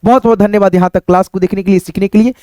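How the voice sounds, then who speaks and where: A male English teacher races through an online phonics lesson in a high-pitched, steady, slightly mellow voice, captured in a dry, clean studio recording. He spells words out letter by letter, asks questions and repeats the answers. Viewers are treated as friends, drawn in often with tag questions.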